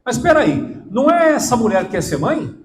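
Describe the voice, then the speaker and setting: Pastor, higher voice, animated, emphatic sermon in an echoey hall. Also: male voice, a little fast, a little hiss or hum. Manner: emphatic, asks the congregation questions. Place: church hall.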